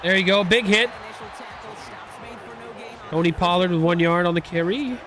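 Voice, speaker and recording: A young man giving casual, excitable commentary while playing a football video game, rambling and reacting loudly to big plays. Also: sits high, normal speed, a faint crowd. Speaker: gaming YouTuber.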